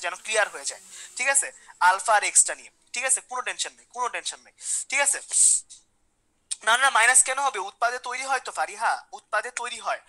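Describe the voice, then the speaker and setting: Woman teacher, quick and high-pitched, coaxing and repetitive. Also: bright, forceful tone, low-quality recording. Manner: repeats questions, coaxes students by name. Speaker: chemistry teacher. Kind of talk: online class lecture.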